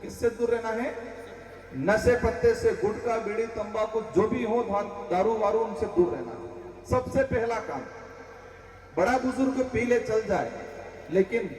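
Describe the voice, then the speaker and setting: A man's voice: high voice, measured pace, a little mellow. A man from Rajasthan giving an impassioned rally speech, full of rhetorical questions and calls to the crowd. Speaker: political leader addressing a rally. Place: public gathering. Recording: echoey PA sound from far off.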